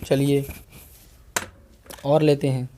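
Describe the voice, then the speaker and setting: A man with a Hindi-speaking North Indian accent teaching a math class as a tutor. He talks steadily at a middle pitch. He keeps asking questions, answering them himself and checking that the class follows. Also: level tone, extremely slow, warm tone, slight background noise. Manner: checks in with students often, asks and answers his own questions.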